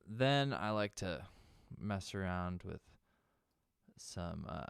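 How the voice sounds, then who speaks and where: A man's voice: sits low, animated, slow pace, creaky, clean tone, no echo, clean studio sound. A young man, a music producer, talks through a synth tutorial in a loose, conversational way with plenty of fillers. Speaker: music producer teaching synth sound design. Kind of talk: casual software tutorial.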